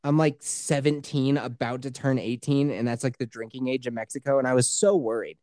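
A woman's voice: a bass voice, steady tone, a little fast, warm tone, dry recording, studio quality. A woman telling a funny story in a casual chat, mocking herself and laughing often.

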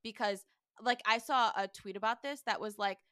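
A woman's voice: on the high side, normal speed, sharp tone, clean tone, dry recording, clean studio sound. A young woman co-hosting a casual rewatch podcast, recapping scenes and joking crudely. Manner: recaps the plot with acted-out quotes, crude jokes. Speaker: podcast co-host.

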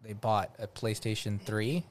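A man's voice: lowish voice, measured pace. A man co-hosting a casual podcast, joking around and telling stories with energy. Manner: joking, lively storyteller. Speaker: podcast co-host. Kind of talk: casual chat.

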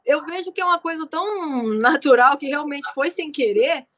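A young woman chatting casually as a guest, animated and acting out quoted dialogue. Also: sits high, moderate pace. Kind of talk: casual chat.

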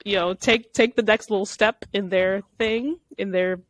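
A woman's voice: medium pitch, fairly even intonation, moderate pace, no room sound. Chatty woman hosting a podcast. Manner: laughs often, restarts phrases. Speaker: podcast host. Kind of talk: casual podcast chat.

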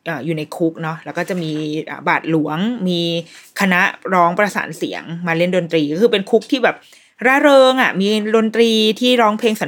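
A woman hosting a podcast, chatting casually as she reviews a TV series, retelling scenes in an animated, restarting way. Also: mid-range voice.

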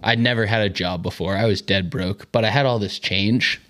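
A man's voice: lowish voice, normal speed, fairly bright tone. A man from Boston, a podcast co-host, telling a story casually, laughing and swearing often. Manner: laughs through his own story, swears freely.

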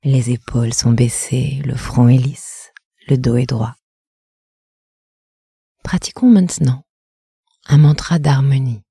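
Woman, meditation guide, low mellow voice, half-whispered, dry close sound. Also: vocal fry, slightly rough, dry recording. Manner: soft, half-whispered, measured delivery.

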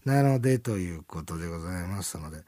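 A man's voice: sits low, animated, quick pace, dark tone. A man hosting a radio after-talk, chatting casually and rambling with laughs between lines. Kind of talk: casual chat.

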